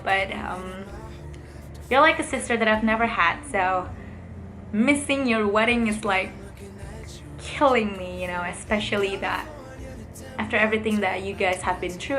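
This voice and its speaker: A woman's voice: mid-range voice, fairly bright tone. Chatty young woman telling a tearful story. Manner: chatty storytelling, acts out quotes, tearful moments. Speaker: vlogger giving a wedding speech to her cousin. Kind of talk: heartfelt spoken toast to camera.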